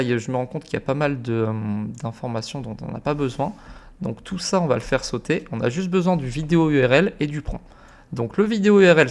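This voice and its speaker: Young male tutorial host, mid-pitched, laid-back and informal, hesitant filler-heavy delivery. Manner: relaxed, many fillers, informal slang. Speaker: automation tutorial creator. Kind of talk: casual screen-recorded tutorial.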